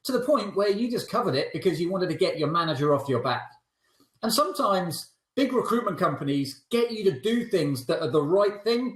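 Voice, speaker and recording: A man with a fairly high voice coaches recruiters with lively, emphatic energy. His voice rings around an echoey room, giving it a roomy sound. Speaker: sales trainer for recruiters. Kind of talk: talking-head training video.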